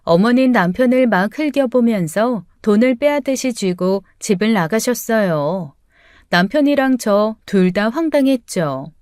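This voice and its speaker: A woman's voice: medium pitch, darkish tone, clean tone, no echo, studio quality. A woman narrating a first-person audiobook story in a confiding, conversational way.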